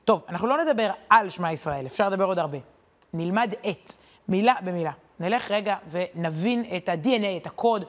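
A woman with a medium-pitched voice teaches her weekly Torah lesson. Her manner is conversational and animated, and she often pauses on hesitation fillers.

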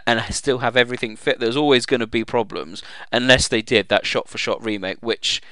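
A man's voice: lowish voice, fairly bright tone, clean tone, no echo. A man hosting a casual group chat, talking informally and jokily into a close microphone. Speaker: quiz host and podcast panellist.

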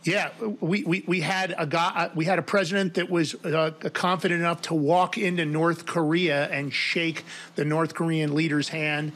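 A man's voice: a little high, normal speed, few pauses. A man hosting a political talk show, chatting casually and laughing as he reads headlines. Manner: animated, laughs while reading. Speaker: podcast host.

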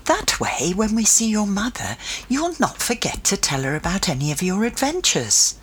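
Brisk cheerful grandma in her later years, breathy and lively, read by a woman. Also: medium pitch, voice pushed up. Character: cheerful older grandmother, fond of old sayings.

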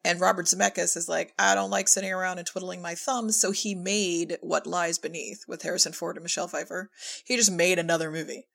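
A woman who writes and directs audio dramas chats casually, telling anecdotes and informally acting out things she and others have said. Her voice is lowish, gravelly and fairly bright, brisk, with fairly even intonation.

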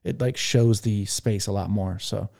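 A podcast host with a lowish, steady, warm voice and some vocal fry talks at an unhurried pace. He rambles through stories in casual chat on a live audio room, leaning heavily on fillers.

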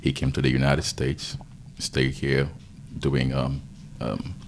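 A Haitian-accented man with a remarkably deep voice, speaking as a guest on a casual podcast. His voice has a gravelly edge, and he pauses often with fillers as he thinks through his answers. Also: monotone, a little hiss or hum. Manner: thoughtful, halting, with many fillers. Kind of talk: casual interview.

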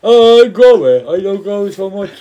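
A man's voice: high voice, moderate pace, muffled recording, background noise. A man in his forties with a west of Ireland accent, bantering casually as a jokey, sweary podcast host. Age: 40s.

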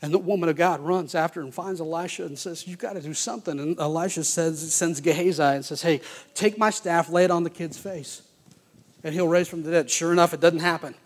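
A man preaching a sermon, telling Bible stories in a folksy, animated way with playful asides. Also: a little high, brisk. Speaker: pastor.

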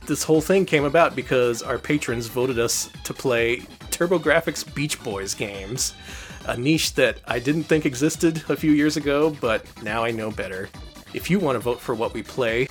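A man co-hosting a retro-media podcast in casual chat, joking and quick with wry asides. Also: medium pitch. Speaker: podcast co-host.

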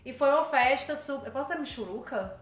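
A woman's voice: high-pitched, animated, fast. A woman with a Northeastern Brazilian accent, a guest who playfully explains slang with everyday examples. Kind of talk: casual chat explaining slang. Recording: roomy room with faint music.

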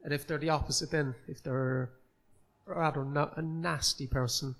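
A man's voice: fairly high pitch, fairly even intonation, normal speed, fairly bright tone. A man in his forties from Cork with a Cork Irish accent, a comedian guest chatting on a podcast, earnest and self-deprecating. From Ireland, Cork City. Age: 40s. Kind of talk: casual podcast chat. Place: comedy club recorded live.

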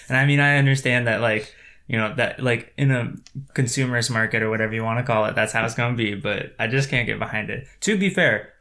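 Casting: American guy, gravelly and bright, rambly self-mocking podcast co-host. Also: mid-range voice. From United States. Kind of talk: casual chat.

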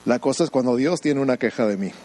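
A man pastor delivering a lively sermon. He peppers the congregation with rhetorical questions, slips into mocking voices of doubters, and throws in joking asides, all in a middle-pitched voice. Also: quick pace, a little hiss or hum, rough recording.

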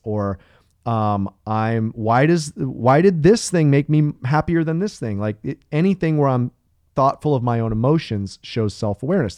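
A man's voice: medium pitch, darkish tone, dry recording, studio quality. A man co-hosting a podcast, explaining ideas earnestly and thinking aloud with restarts and fillers. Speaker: podcast co-host. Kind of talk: casual podcast discussion.

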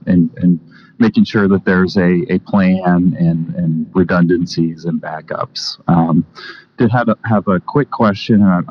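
A man making measured, somewhat hesitant remarks and questions as a member of a committee. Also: low voice. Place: indoor committee meeting. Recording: dull, noisy meeting-room audio.

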